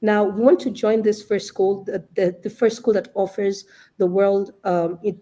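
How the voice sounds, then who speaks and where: Woman, warm mellow tone, enthusiastic presentation, earnest, some restarts. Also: medium pitch. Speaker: school representative presenting the school. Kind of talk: spoken presentation.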